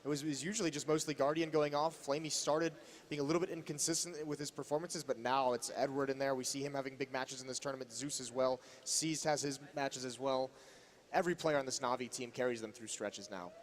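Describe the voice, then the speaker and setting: A man's voice: medium pitch, steady tone, fast. A man giving analytical commentary as an esports caster.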